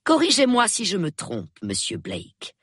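A man reading an audiobook, voicing a shrewd, prim elderly spinster who speaks in a measured, precise, calmly reproving way. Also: high voice, husky, dry recording, studio quality, voice pushed up, heavily acted. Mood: calm, knowing. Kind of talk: audiobook character voice.

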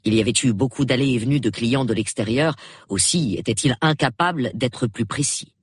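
A man narrating a detective novel in measured, expressive storytelling. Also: medium pitch, husky, dry recording, clean studio sound. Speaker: audiobook narrator.

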